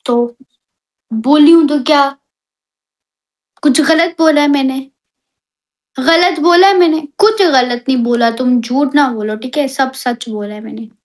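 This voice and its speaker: A woman hosting a live stream, complaining in an animated, heated way and repeating herself for emphasis. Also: high-pitched, unhurried, long pauses. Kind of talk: casual live-stream chat.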